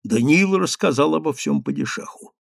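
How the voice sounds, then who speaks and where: A man giving a steady, dramatic audiobook narration. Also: fairly high pitch, normal speed, gravelly, no room sound, studio quality. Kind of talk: scripted narration.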